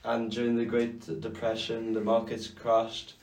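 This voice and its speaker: Teen male from Wales, monotone delivery, matter-of-fact explainer, echoey room, mic set back. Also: mid-range voice, unhurried, distant mic, noisy background. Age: teens. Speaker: podcast co-host. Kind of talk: casual chat.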